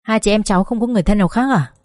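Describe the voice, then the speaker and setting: A woman voicing a kind middle-aged woman who gently consoles a stranger in an audiobook story. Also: mid-range voice, very fast, dry recording, studio quality, lightly acted. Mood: consoling.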